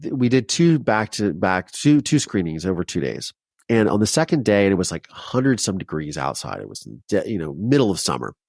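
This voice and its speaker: Guy from ohio telling his story on a podcast, low deep voice, dry close sound, heartfelt and rambling. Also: sing-song, fairly quick, vocal fry, darkish tone, no echo. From Ohio, United States. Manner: heartfelt, tearful at moments, rambling with many restarts. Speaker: podcast guest, documentary filmmaker. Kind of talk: emotional personal storytelling.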